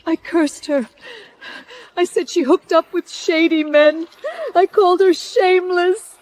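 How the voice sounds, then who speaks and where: A woman's voice: very high-pitched, fairly even intonation, unhurried, darkish tone, no echo, poor audio. An actress playing a panicked, pleading society woman full of regret in a screen drama.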